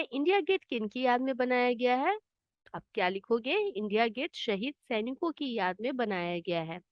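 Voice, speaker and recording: A woman's voice: fairly high pitch, dry recording. Patient woman teaching a children's lesson. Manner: patient, explains words in English. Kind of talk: children's Hindi lesson, explaining answers. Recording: dull, slightly muffled dry sound.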